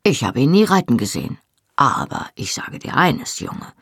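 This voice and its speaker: An audiobook reader voicing a tall young man who speaks calmly and firmly to his little cousin. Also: medium pitch, normal speed, husky, no echo, studio quality, exaggerated voice. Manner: firm, calm. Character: tall young husband, calm and patient.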